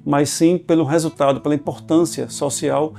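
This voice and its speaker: A Brazilian man speaks earnestly in a gravelly, mellow voice, pitched a little high for a man. Faint guitar music plays underneath. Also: steady tone, moderate pace. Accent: Brazilian Portuguese. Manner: earnest, with small stumbles.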